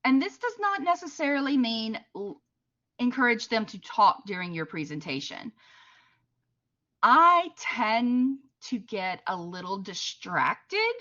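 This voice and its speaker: A woman with a Southern US accent giving a chatty, unhurried webinar presentation, with many fillers. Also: medium pitch, bright, forceful tone, highs cut off. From American South. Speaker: library trainer. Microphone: computer mic at a desk.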